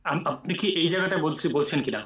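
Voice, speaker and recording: A man teaching Quran recitation in an online class, explaining rules patiently and reciting slowly with long drawn vowels. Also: fairly high pitch, expressive, fairly bright tone. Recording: echoey room, muffled audio.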